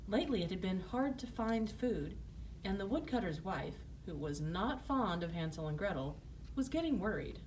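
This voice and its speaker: A woman narrates as if opening a fairy tale for children. Her pitch moves in lively swings through the scripted story. She sounds slightly away from the mic, with faint noise. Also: moderate pace, recorded from a distance, low-quality recording.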